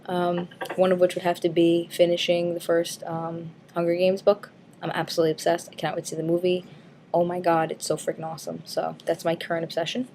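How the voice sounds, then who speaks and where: A woman vlogger talks through her week in a loose, rambling way. She is frank and casual, with plenty of ums and likes and the odd swear word. Her voice sits a little on the low side. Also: monotone, fairly quick, warm tone, slight background noise. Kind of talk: casual weight-loss update vlog.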